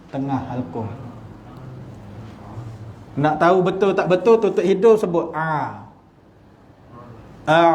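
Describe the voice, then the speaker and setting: A man's voice: sits high, darkish tone, slight background noise. A man with a Malaysian Malay accent teaching Quran recitation at an evening lecture in a small prayer hall, drawing out letter sounds as he demonstrates them. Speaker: religious teacher.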